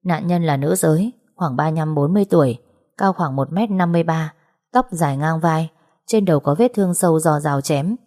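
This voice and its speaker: A woman voicing a senior male police officer who dictates his case notes briskly. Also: low voice, mellow, close to an everyday voice.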